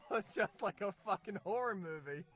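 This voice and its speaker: Man, casual reaction, high voice, swears, lively swings in pitch. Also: normal speed. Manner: laughs a lot, swears freely.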